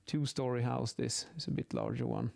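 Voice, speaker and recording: This acoustics instructor has a mid-range, creaky, darkish voice with a steady tone, moving at a moderate pace. Sketching as he improvises, he gives an informal explanation of measurement methods, thinking out loud and revising what he says.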